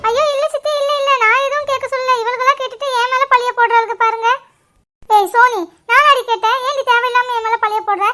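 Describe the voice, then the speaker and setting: A shrill, very high and bright cartoon voice of a chatty young village woman, played by a woman. She teases and bickers with her family, quick to scold. The tone is sharp and bright throughout. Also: steady tone, faint music behind. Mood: indignant. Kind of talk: animated cartoon dialogue.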